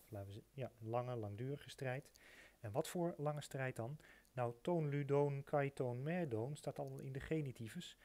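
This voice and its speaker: A man's voice: medium pitch, normal speed, dark tone. A man teaching, working through a text line by line, patient and methodical, repeating each translation.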